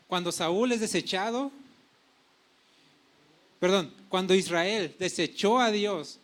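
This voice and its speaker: A man's voice: high voice, fairly bright tone. A middle-aged male pastor preaching a sermon, paraphrasing scripture dialogue and correcting himself as he goes.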